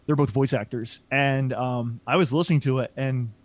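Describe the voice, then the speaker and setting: Dude on a podcast, lots of likes, cusses casually, average pitch. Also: male voice, fairly even intonation, normal speed, no room sound. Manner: casual, swears freely, filler-heavy. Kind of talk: casual chat.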